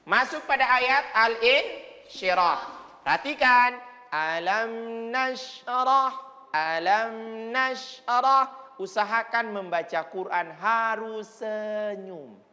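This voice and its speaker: A woman teaching children Quran recitation on TV, patiently modeling each verse slowly and counting the pupils in. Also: a little high, lively intonation, bright, forceful tone, in a large hall.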